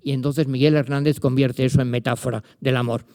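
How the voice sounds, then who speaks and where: An older literature professor from Spain, with a Spanish accent, presents a book in a lecture, speaking directly to his audience and reciting verse with emphasis. His voice is warm and medium-pitched, fairly even in intonation and a little fast.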